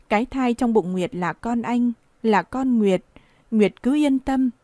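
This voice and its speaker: A woman's voice: a little high, mellow, no room sound. Woman reading a coaxing, evasive young lover. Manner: coaxing, reassuring. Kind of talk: audiobook dialogue reading.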